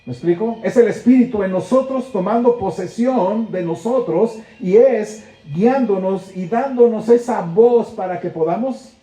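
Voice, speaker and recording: A man's voice: high-pitched, measured pace, few pauses, mellow. A man with a Mexican accent preaching a sermon in a church, earnest and full of rhetorical questions, acting out heartfelt prayers. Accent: Mexican Spanish. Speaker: pastor. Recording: echoey church room.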